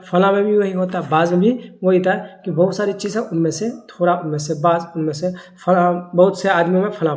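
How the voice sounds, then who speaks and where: A grammar teacher, giving a lecture in which they keep asking rhetorical questions, answering them and repeating key terms slowly. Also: medium pitch, darkish tone. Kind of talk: classroom-style grammar lecture.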